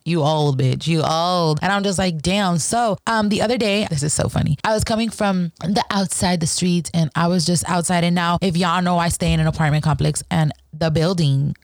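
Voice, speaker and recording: A woman's voice: fairly low pitch, moderate pace, hardly any pauses, no room sound, clean studio sound. A woman in her twenties hosting a podcast, telling stories in casual chat, laughing often, swearing freely and acting out quoted people. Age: 20s. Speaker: podcast host. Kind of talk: casual storytelling monologue.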